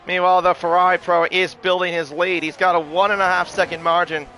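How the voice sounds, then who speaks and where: A high-voiced man works as a motorsport commentator, calling a race live in a bright, forceful tone. He corrects himself mid-phrase and drops in small asides, with vehicle noise clearly audible behind him. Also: little pitch movement, brisk. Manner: hesitant asides, self-correcting, exclaims at incidents. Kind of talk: live play-by-play commentary of online league racing.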